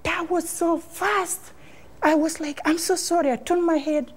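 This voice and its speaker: A woman interviewee giving an emotional personal account, halting and repeating phrases in non-native English. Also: very high voice, fairly even intonation.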